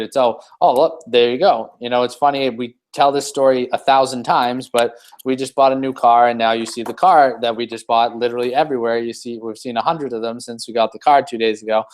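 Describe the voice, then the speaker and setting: A man's voice: medium pitch, fairly even intonation, fairly quick. A man co-hosting a personal development hangout, talking loosely and rambling with many fillers and restarts. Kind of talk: casual rambling talk.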